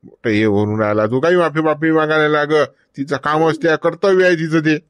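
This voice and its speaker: A man's voice: on the high side, brisk, no echo, clean studio sound. A man in comic village banter, blustering and dismissive.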